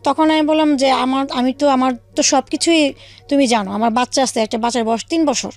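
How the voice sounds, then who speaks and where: On a radio program, a woman with a high, brisk voice tells her life story in detail. She acts out remembered conversations in her own voice, quoting them as dialogue.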